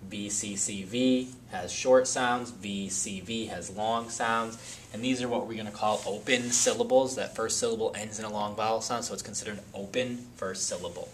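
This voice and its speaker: A lower-pitched man teaches a phonics lesson at an unhurried pace. He explains each step patiently and repeats the example words slowly. A faint hiss of background noise sits under his voice. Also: steady tone.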